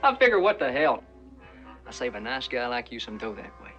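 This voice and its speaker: Lively, chummy male hustler. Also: medium pitch, fairly quick, highs cut off, faint music behind. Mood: chummy, wheedling. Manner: chummy, slangy, wheedling. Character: smooth-talking small-time Miami hustler, chummy and sly. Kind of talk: film dialogue, sales patter.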